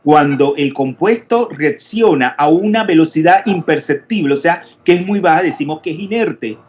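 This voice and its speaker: A man's voice: fairly high pitch, normal speed. A man teaching a chemistry class online, explaining step by step and questioning his students, with frequent hesitations. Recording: dull lo-fi audio with faint noise.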